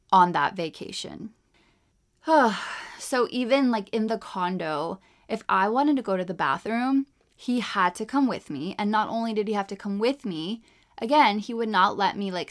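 A woman's voice: on the low side, fairly bright tone. A woman hosting a parenting show, telling a personal story in a casual, candid way, full of fillers and wry humor. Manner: self-deprecating, wry humor. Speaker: podcast host and mom.

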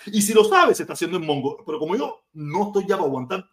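A man's voice: sits high, very animated, quick pace. A man from Cuba with a Cuban accent, ranting bluntly and profanely on a casual live stream.

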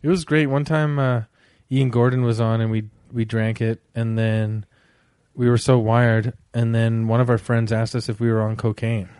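A man's voice: medium pitch, level tone, moderate pace, a little mellow, clean tone, dry recording, clean studio sound. A man hosting a podcast with casual, joking chat in a small room. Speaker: podcast host.

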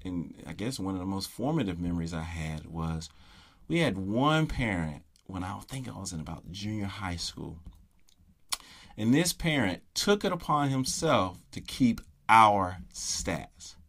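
Middle-aged guy with a low voice doing a casual podcast monologue, leans hard on key words. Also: a bit bright. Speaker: podcast host, soccer parent.

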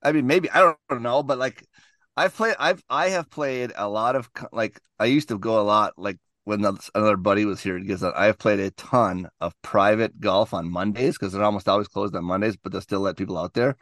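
A man's voice: fairly low pitch, a little fast, fairly bright tone, dry recording. Dry-voiced man laughing through a golf story. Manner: laughs while telling a story. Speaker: podcast co-host. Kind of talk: casual chat.

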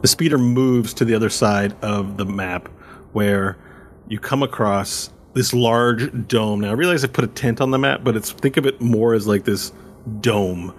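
A man's voice: on the low side, normal speed, slight background noise. A man narrating a tabletop game as game master, improvising the scene as he goes.

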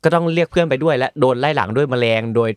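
Fast-talking man in casual gaming chat. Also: a little high, no echo. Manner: animated, quick, uses casual slang. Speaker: podcast co-host.

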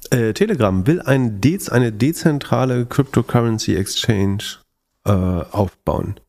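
A man's voice: mid-range voice, expressive, a little slow, darkish tone. A man hosting a podcast, chatting casually and analytically about finance, often thinking aloud hesitantly.

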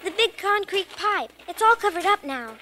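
A woman's voice: extremely high pitch, expressive, moderate pace, pushed and bright, a little hiss or hum, heavily acted. An actress playing a stubborn, anxious young girl in an old radio drama, pleading and insistent, breaking into sobs. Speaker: daughter. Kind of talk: 1940s radio drama acting.

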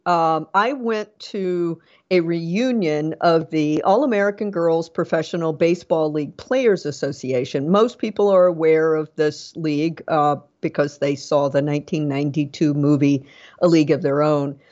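A woman's voice: on the low side, a little mellow, highs cut off. A middle-aged woman, an author and professor, answering interview questions with many ums and restarts. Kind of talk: podcast interview.

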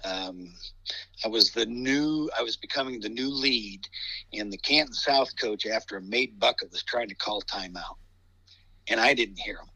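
Very bright-voiced man, rueful. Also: lowish voice, normal speed, slightly rough, dry recording, low-quality recording. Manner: wry, rueful storytelling. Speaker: basketball referee. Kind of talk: casual anecdote telling.

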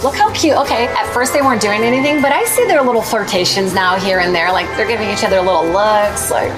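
A woman's voice: mid-range voice, fast talker, over loud music, poor audio. A woman hosting a dating show, giving comedic voice-over commentary with sassy asides and wordplay.

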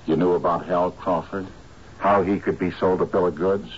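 A deep-voiced, sardonic detective. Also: male voice, fairly even intonation, slightly rough, highs cut off. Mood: dry, accusing. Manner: dry, deliberate, sardonic. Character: shrewd, sardonic male private detective. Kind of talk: screen drama acting.

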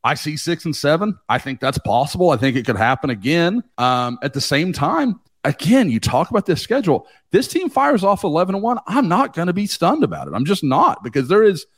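A man guesting on a sports podcast, talking in a rambling, animated way and swearing casually. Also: a little high, fairly quick, hardly any pauses, no room sound, studio quality. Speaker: guest, team beat writer.

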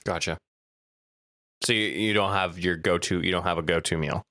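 A man's voice: deep voice, steady tone, normal speed, pushed and bright, no room sound, studio quality. A man hosting a casual chat, reading out quiz questions with a playful manner and frequent laughs. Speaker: host.

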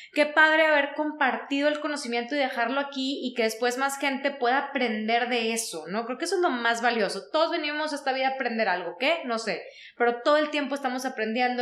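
A woman from Mexico, a human resources consultant telling her life story in an interview, animated and full of fillers. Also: high-pitched, reverberant. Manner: animated, frequent fillers like "o sea" and "¿no?". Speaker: guest, HR consultant.

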